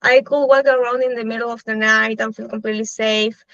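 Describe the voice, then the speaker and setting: A woman's voice: on the high side, fairly even intonation, fairly quick, a bit bright, dry recording. A young Chilean woman, a native Spanish speaker, answers interview questions in English with a Chilean Spanish accent, thinking aloud with frequent "eh" fillers. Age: young adult. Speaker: interviewee, law student. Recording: dry, slightly dull lo-fi recording.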